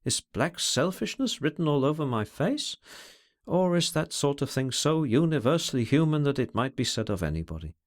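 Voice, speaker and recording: A man's voice: fairly high pitch, sing-song. A man reading as a brooding, scornful man. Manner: bitter, introspective, measured.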